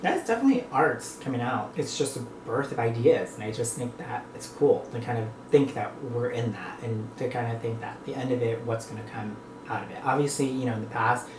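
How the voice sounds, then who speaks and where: A brisk, medium-pitched North American vlogger eats on camera, chatting to viewers in a casual, reflective way and rambling between bites. Echo and clear background noise fill the recording.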